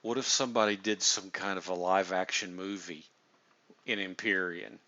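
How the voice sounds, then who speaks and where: A man's voice: low voice, steady tone, moderate pace, pushed and bright. A man with a Southern accent hosting a casual livestream chat, rambling and cutting himself off as ideas come to him. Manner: rambling, self-interrupting, laughs at own ideas. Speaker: livestream host. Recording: dull lo-fi stream audio.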